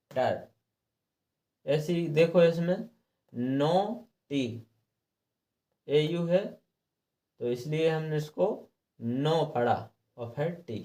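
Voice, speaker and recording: A man's voice: fairly high pitch, a little mellow. A man teaching a lesson on English reading rules, patiently repeating each rule and spelling letters out one by one. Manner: clears throat now and then. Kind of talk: slow explanatory lesson.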